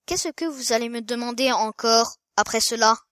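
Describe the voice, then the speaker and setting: Woman reading earnest, courteous young elephant child, high voice, storybook. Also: normal speed, a bit bright, no room sound, studio quality, natural voice. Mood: polite. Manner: very polite, earnest.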